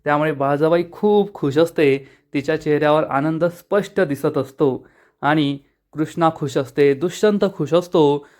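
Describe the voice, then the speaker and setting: A man retelling a TV serial episode in a measured storytelling manner, reading every character's lines in his own voice. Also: fairly high pitch, darkish tone.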